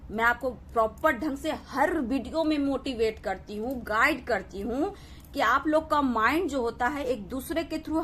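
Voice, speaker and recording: High-voiced woman giving a tarot reading. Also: a bit bright, a little hiss or hum. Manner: reassuring, repeats "ठीक है" and "dear" often. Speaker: tarot reader. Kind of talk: collective tarot reading to camera.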